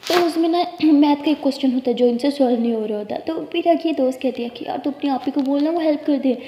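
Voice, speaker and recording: A woman's voice: high-pitched, fast, warm tone. A woman narrating a love story in a casual, chatty way, with a running "she says" between lines. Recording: echoey room, dull lo-fi sound.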